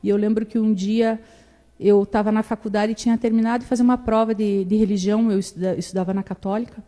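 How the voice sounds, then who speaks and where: A young woman giving a lively personal faith testimony, acting out the dialogue as she tells it. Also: mid-range voice, fast talker. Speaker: church testimony speaker. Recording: reverberant hall.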